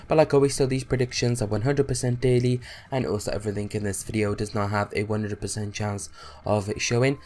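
A young man hosting a gaming channel, talking casually in a hoarse voice while sick, upbeat and full of repeated catchphrases. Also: medium pitch, a little mellow. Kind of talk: casual video commentary.

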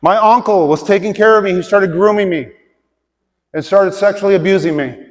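A man's voice: sits high, moderate pace. A middle-aged man preaching a conversational sermon to a congregation in a large church auditorium, asking them direct questions. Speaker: pastor. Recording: long hall reverb.

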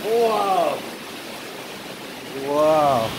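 A man filming a walking tour vlog on a phone outdoors, excited and exclaiming often. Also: fairly high pitch, very slow, background noise. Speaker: travel vlogger. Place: outdoors at ruins by a waterfall.

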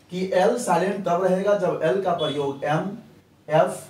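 A man teaching English pronunciation in Hindi, repeating each rule slowly and answering his own questions. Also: fairly high pitch, darkish tone. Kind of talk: Hindi grammar lesson. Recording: echoey room, distant mic.

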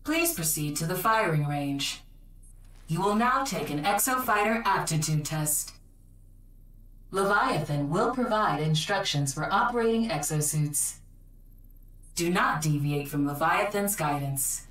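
Formal facility announcer over a PA system. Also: female voice, on the low side, expressive, unhurried, a bit bright, reverberant, distant mic, low-quality recording. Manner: crisp, formal and instructive. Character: calm female facility announcer giving orders.

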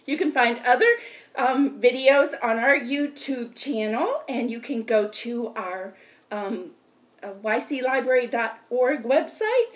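A middle-aged woman, a children's librarian, leading a storytime finger play in an animated, sing-song way, filmed on a laptop webcam in a small room at home. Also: sits high. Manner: animated, sing-song chanting with big hand gestures.

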